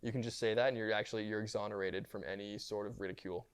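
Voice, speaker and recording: A young man co-hosting a podcast, rambling through deadpan jokes in casual chat and swearing often. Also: on the low side, very fast, smooth. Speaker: podcast co-host.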